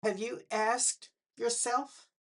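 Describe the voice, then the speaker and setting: An older woman with a husky, slightly breathy voice talks to camera in an unhurried way. She keeps throwing pointed questions at her audience, with a dry sarcastic bite. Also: a little high, level tone. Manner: pointed rhetorical questions addressed to the viewer. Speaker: political vlogger. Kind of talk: direct-to-camera commentary.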